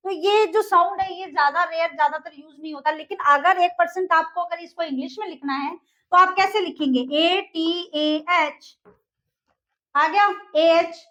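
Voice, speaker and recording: A woman's voice: very high voice, fairly quick, sharp tone, lo-fi sound. A woman teaching English, explaining step by step and asking the class questions she then answers herself.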